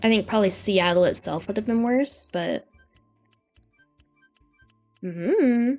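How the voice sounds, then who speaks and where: A Canadian woman livestreamer chatting casually over a game, rambling in a sleepy, low-key but playful way. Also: animated, slow pace, a little mellow. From British Columbia, Canada. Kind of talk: casual chat while playing a farming game. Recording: music behind the voice. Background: music.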